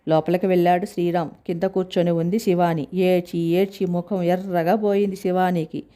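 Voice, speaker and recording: A woman narrating a family story aloud in a steady, plain storytelling manner. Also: lowish voice, normal speed.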